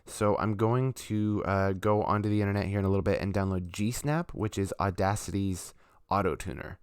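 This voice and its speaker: A man's voice: fairly low pitch, fairly even intonation, normal speed, smooth, no room sound, clean studio sound. A man chatting casually on a live stream as a musician, talking loosely with lots of fillers. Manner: laid-back, rambling, chatty with fillers.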